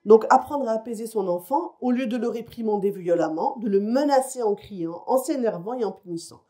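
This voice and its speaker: A woman's voice: fairly high pitch, expressive, a little fast, mellow. A woman psychologist giving a conference lecture to parents. She explains in a conversational way and often checks in with her listeners. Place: lecture hall or conference room.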